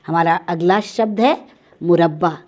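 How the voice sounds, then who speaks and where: A woman teacher giving a spelling lesson to young children, spelling words out letter by letter and explaining them gently. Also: on the low side, measured pace. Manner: gently addresses the children, with simple questions and explanations. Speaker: primary school teacher.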